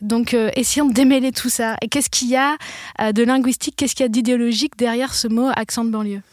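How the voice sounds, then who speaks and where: A woman hosting the show with a scripted, explanatory narration. Her voice sits a little high, and the sound is dry and close with no room echo. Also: steady tone, fast talker. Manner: questioning, explanatory. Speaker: host.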